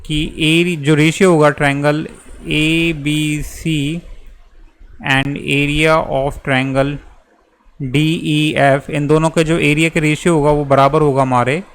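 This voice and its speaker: A man's voice: fairly high pitch, little pitch movement, takes it slowly. A young man, patiently walking students through a geometry proof step by step, often checking in as he goes. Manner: patient, repeats and checks with "theek hai". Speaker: maths teacher.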